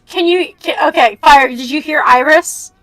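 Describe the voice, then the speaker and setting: A woman with a fairly high voice talks casually on a stream. She is scattered and giggly, half talking to herself. The sound is dry, with faint music behind her. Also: normal speed, fairly bright tone, no echo, low-quality recording. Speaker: streamer playing and voicing a game with friends. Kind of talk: casual chat.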